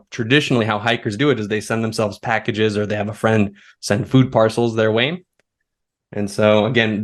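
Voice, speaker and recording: A man in his thirties speaks as a podcast guest with a lowish voice. He tells his stories in a relaxed, rambling way. His delivery stays easygoing throughout. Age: 30s. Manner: relaxed, storytelling, now and then laughing. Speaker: guest, foraging expert. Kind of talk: conversational interview.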